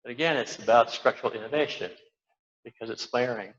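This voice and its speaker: At an awards event, an older architect presents slides informally in a lecture hall, speaking a little fast in a mid-range, fairly bright voice. His rambling talk is packed with fillers and restarts, and the recording sounds dull and lo-fi.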